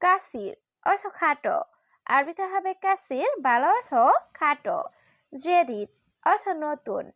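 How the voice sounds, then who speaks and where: A woman teaching one by one in a slow, measured drill, repeating each word and its meaning. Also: high voice, no echo, lo-fi sound. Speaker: Arabic language teacher. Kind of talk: slow vocabulary drill lesson.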